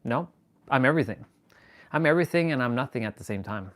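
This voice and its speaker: A man's voice: mid-range voice, animated, fast. Self-assured man rambling on a livestream. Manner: rambling, self-assured, restarts mid-sentence. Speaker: live stream host. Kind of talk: casual spiritual monologue.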